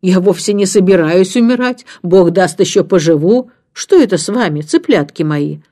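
A woman voicing a kindly, fussy old nanny in a storybook reading, speaking briskly and a little louder. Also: on the low side, lively intonation, close to an everyday voice. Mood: fussing.

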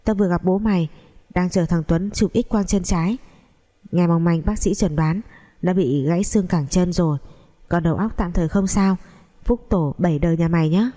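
Giọng nữ đóng anh họ thô lỗ, bông đùa, cộc cằn. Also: female voice, lowish voice, moderate pace, dark tone, lightly acted. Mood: brash. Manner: blunt, joking, crude. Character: male cousin, brash and teasing, rough-spoken.

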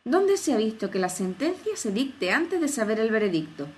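Woman doing a feisty little storybook girl, high and indignant. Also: big pitch swings, normal speed, darkish tone. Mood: defiant. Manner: indignant, defiant. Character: indignant, spirited young girl.

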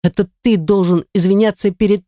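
A reader voicing a shrill, defiant captive young woman. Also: fairly even intonation, brisk, warm tone, no room sound, studio quality, natural voice. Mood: furious. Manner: shrill, furious, sobbing. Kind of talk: audiobook character voice.

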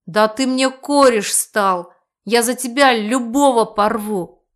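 A woman's voice: fairly high pitch, takes it slowly. A woman voicing a cocky, thuggish male spirit guide who talks in street slang, in an audiobook. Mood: swaggering.

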